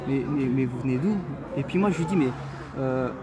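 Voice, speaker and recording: A man in his twenties from France, telling a personal faith story in an earnest, halting way with many fillers. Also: mid-range voice, over music. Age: 20s. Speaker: testimony speaker. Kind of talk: casual personal testimony. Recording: clear street noise behind.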